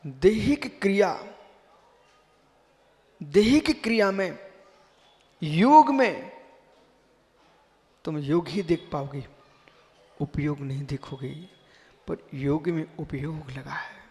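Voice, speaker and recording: A middle-aged monk preaching a live sermon to an assembly, emphatic, swinging between quiet asides and loud bursts, asking listeners questions directly. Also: male voice, on the high side, animated, takes it slowly, long pauses. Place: large hall before a seated assembly. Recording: long reverb of a large hall.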